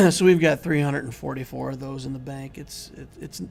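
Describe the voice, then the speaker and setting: Gravelly-voiced man answering chat. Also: mid-range voice, moderate pace. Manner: conversational, rambling with restarts, answering chat. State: losing his voice, clearing throat. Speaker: YouTube game channel host. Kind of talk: casual livestream commentary.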